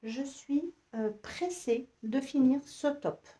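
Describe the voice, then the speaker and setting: A woman's voice: fairly high pitch, expressive, a little slow, a little mellow. A woman chatting casually to camera as a sewing vlogger, hesitant and rambling with many fillers and self-mocking asides. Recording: roomy echo.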